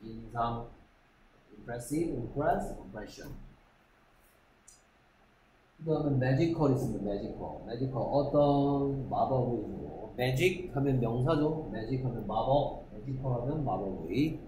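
A man's voice: mid-range voice, expressive, slow, mellow, a little hiss or hum. Korean man teaching English words. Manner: repeats words, asks rhetorical questions. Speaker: middle school English teacher. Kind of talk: classroom lecture. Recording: echoey classroom with faint ambience.

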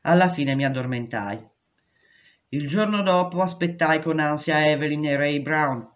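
Steady woman reading a memoir aloud. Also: low voice, a little slow. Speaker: reader.

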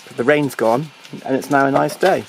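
A man's voice: medium pitch, normal speed, gravelly. An Englishman narrating his road trip on camera with dry, teasing humor from inside a motorhome. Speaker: vlogger filming a road trip. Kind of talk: joking travel commentary. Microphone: handheld camera mic. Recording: loud road and engine noise.

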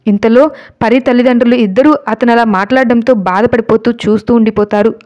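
Woman narrating a devotional story, high voice, steady dramatic telling, kinda dull lo-fi sound. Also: a little fast. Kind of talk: retelling a devotional serial.

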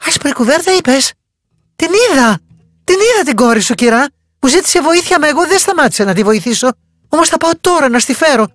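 A woman voicing a kind-hearted young princess in a bedtime story, speaking gently and earnestly, a little higher than her narration. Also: lively intonation, no echo, natural voice. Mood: urgent, pleading.

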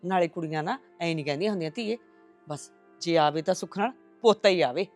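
An actress playing a stubborn mother-in-law who wants a grandson, with a loud scolding Punjabi way of talking. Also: fairly low pitch, fast, soft background music, natural voice. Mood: coaxing. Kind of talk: village family drama acting.

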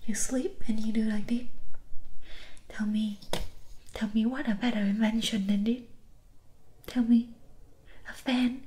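A young woman playing a pushy shopkeeper in an ASMR role-play, soft-spoken and breathy with a Vietnamese accent and clipped broken-English sales patter. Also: on the high side, a little hiss or hum, low-quality recording. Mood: persuasive, teasing. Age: young adult. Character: pushy, persuasive female Vietnamese shopkeeper selling sleep remedies. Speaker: ASMR performer.

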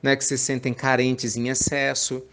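A man's voice: mid-range voice, completely flat delivery, moderate pace, a bit bright, slight background noise. A man giving an informal sermon, chatty and playful, full of tag questions. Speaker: spiritist preacher.

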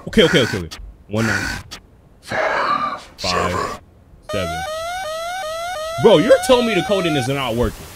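A man's voice: medium pitch, huge pitch swings, very fast, heavy background noise. A young American man giving casual, slangy gameplay commentary as a streamer, reacting aloud into a close microphone. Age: young adult. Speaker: gaming streamer. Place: small indoor bedroom setup.

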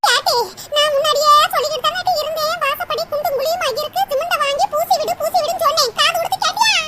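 Woman doing a shrill scolding village mother-in-law. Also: fast. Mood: accusing. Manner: scolding, sharp, theatrical wailing. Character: loud scolding village mother-in-law, doting on her daughter. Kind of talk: cartoon voice acting. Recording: loud background noise.

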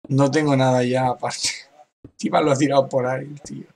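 A man's voice: medium pitch, level tone, fairly quick, gravelly, a little mellow, a little hiss or hum. A man from giving casual gameplay commentary, laughing often and reading other players' messages aloud. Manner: laughs often, reads out chat with "dice". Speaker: gaming youtuber.

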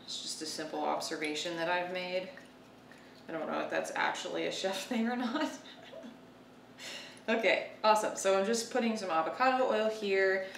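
A woman in her thirties with a lowish, gravelly voice speaks at normal speed with fairly even intonation as she hosts a casual home-kitchen cooking demo, thinking aloud. Slight hiss or hum accompanies the roomy, distant-mic recording, with loud clatter of chopping, clicks and pans.

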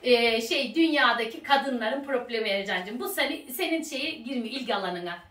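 A high-voiced woman chatting and retelling a story while she cooks, lively and bossy with her husband. The room rings, and she is some distance from the mic. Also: moderate pace, reverberant. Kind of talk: casual storytelling chat. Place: home kitchen while cooking.

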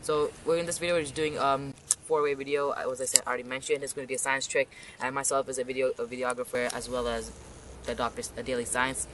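A man filming outdoors on a patio, rambling through a quick casual intro with fillers as the videographer. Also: medium pitch, little pitch movement, fairly bright tone. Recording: distant camera audio with outdoor noise.

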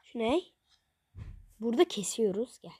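A woman giving playful, excitable commentary on her gameplay and talking to viewers, her voice a little off from being unwell. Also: fairly high pitch, normal speed, slightly rough. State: slightly ill, voice a little changed. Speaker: gaming video creator.

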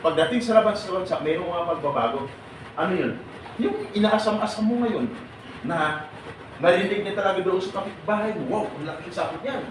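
A man leads a seminar for departing workers, a bit high in pitch, and he quizzes and teases his audience. He is picked up from far off in a very echoey room. Steady noise hums behind him. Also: a little fast. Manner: teasing, questions the audience, acts out their replies. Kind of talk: lively seminar talk to a crowd. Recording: echoey room, voice from afar, noisy.

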